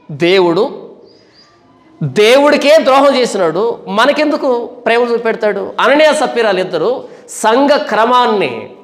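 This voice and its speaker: Casting: male preacher with a high voice, fiery emphatic sermon delivery, echoey room. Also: fairly bright tone. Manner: emphatic, fiery, full of rhetorical questions.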